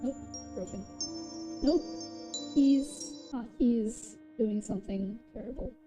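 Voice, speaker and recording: A woman's voice: fairly high pitch, slow, mellow, faint music behind. A woman live streamer chatting casually while gaming and reading out viewer comments.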